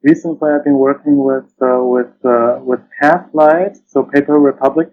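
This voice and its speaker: A literary translator answers an interview conversationally, hesitant, repeating words and searching for phrasing. His medium-pitched voice moves at normal speed with fairly even intonation. The recording is muffled, dull and lo-fi, with loud-ish background noise.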